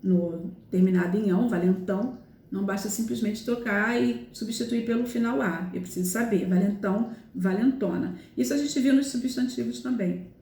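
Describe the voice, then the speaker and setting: A woman's voice: mid-range voice, moderate pace, mellow, reverberant. A teacher, a woman, explaining grammar rules step by step and checking in with her students often. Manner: explanatory, repeats examples, frequent "tá?" and "né?" checks. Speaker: Portuguese language teacher. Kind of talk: recorded grammar lesson.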